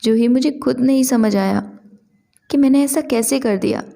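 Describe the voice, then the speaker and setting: A woman's voice: sits high, moderate pace, creaky, warm tone, voice pushed up. A woman voicing a pleading, easily flustered young woman in a story. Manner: pleading, exasperated.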